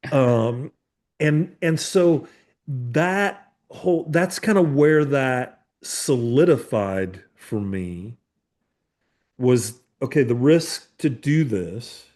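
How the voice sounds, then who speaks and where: A man's voice: mid-range voice, expressive, drawn-out words, a little mellow. A man in his fifties, a therapist hosting a podcast, chatting casually with many restarts and casual swearing. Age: 50s. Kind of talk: casual conversation.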